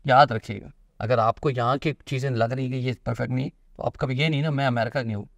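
A cricketer and actor hosts a casual cricket chat in a small studio, talking emphatically, gesturing, and staying very talkative. His medium-pitched voice is creaky and fast with fairly even intonation, and there's no room sound.

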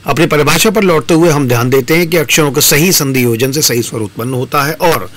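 A man presenting a campus radio lesson on pronunciation, talking in a measured, explanatory way and stressing each example word. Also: a little high, a bit bright. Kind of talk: instructional talk on pronunciation.

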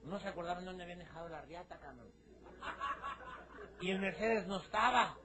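A man's voice: high-pitched, animated, moderate pace, heavy background noise. A man with a Mexican accent telling a crude, slangy joke with casual asides. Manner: profane slangy storytelling with asides. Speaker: joke teller.

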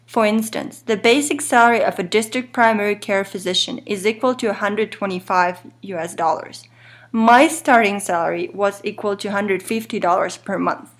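A Ukrainian woman in her thirties, a native Ukrainian speaker with a strong Eastern European accent, introduces her course as an instructor. She speaks earnestly and in a measured way at medium pitch, addressing her students directly.

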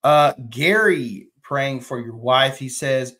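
Speaking slowly in a mid-range, slightly bright voice, this man from Texas hosts his fishing live stream from a small room with a plain wall. He drawls and chats casually, reading out comments from viewers.

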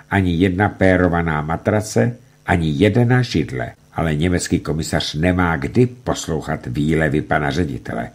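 Low, husky-voiced male reader. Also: a little mellow. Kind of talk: documentary book reading.

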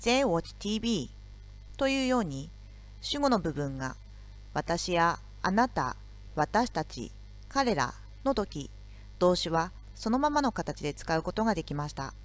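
Woman teacher, slow careful explanations. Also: fairly low pitch, sing-song. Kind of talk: recorded video lesson.

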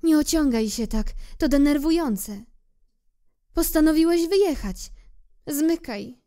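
Woman doing haughty little storybook flower, pert and high, slow and mellow. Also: expressive. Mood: proud. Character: proud delicate female flower, haughty and brave.

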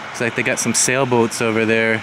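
Walking outdoors by the water, a vlogger in his forties talks fairly quickly in a mid-range voice with little pitch movement. His handheld camera microphone picks up heavy wind and outdoor sound, making for a loud, noisy recording.

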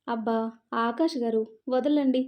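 A woman's voice: a little high, a little slow, darkish tone, natural voice. A woman reading a shy sweet young wife. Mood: shy, coy.

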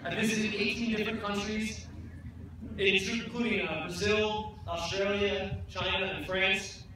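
A man's voice: sits high, steady tone, a little slow. Young man speaking at a graduation. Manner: earnest, self-deprecating jokes. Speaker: commencement speaker. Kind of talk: graduation speech. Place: outdoor tent stage. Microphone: podium mic, filmed from far off. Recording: echoey PA sound from far off, noisy.

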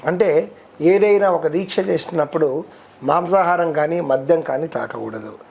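A man, a devotional guest explaining worship rules in a steady, teacherly way, listing terms one by one. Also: a little high, moderate pace, vocal fry. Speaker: devotional guest speaker on ritual. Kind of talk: explanatory interview talk.

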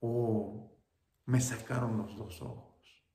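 A man's voice: steady tone, takes it slowly, roomy sound. A man voicing a young wounded soldier speaking to his mother, speaking Spanish with a Mexican accent. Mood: quiet. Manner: quiet and low, then proud and raised. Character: young wounded soldier, son, brave and selfless.

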